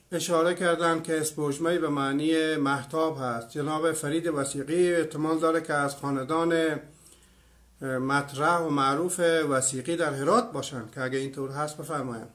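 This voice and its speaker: High-voiced man giving a patient lecture. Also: fairly bright tone. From Iran. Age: 50s. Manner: explanatory, gives many examples; reads out and answers viewer comments. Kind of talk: online lecture with live chat.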